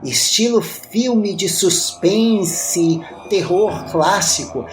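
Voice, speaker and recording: A man co-hosting a podcast, talking about film music in a slow, hesitant way with many drawn-out fillers. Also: high-pitched, animated. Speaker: podcast co-host. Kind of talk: casual film music discussion.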